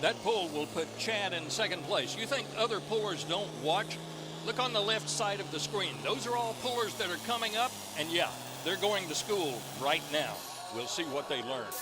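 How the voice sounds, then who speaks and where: A man's voice: high-pitched, expressive, moderate pace, very noisy. A man hosting televised tractor pull coverage as an announcer, introducing pullers in a broadcast commentary style. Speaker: host and play-by-play announcer.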